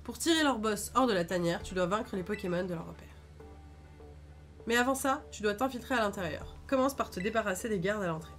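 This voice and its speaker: A woman voicing a guarded, mysterious female ally in a game, reading her orders in a calm, measured way. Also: medium pitch, faint music behind, close to an everyday voice.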